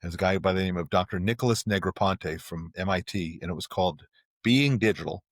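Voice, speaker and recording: A middle-aged man talking casually as a podcast guest, rambling and restarting often, getting animated when he explains. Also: deep voice, a little fast, no echo, clean studio sound. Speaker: podcast guest, marketing agency president. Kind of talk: casual interview talk.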